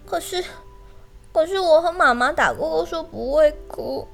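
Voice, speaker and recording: A woman teacher, reading a children's picture book in a gentle, sing-song way and speaking directly to the children. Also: high voice, normal speed, gravelly, faint music behind. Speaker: kindergarten storyteller teacher.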